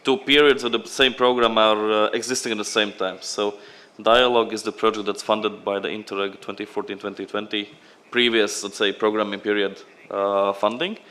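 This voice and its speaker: Guy presenting at a conference, kinda low voice, loose and unscripted. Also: flat delivery, moderate pace, few pauses, sharp tone. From Latvia. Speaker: program representative at a conference.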